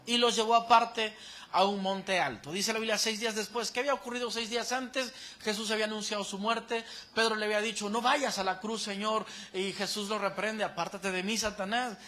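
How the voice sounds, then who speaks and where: A man preaching a sermon as pastor, animated and calling the congregation to repeat phrases after him. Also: sits high.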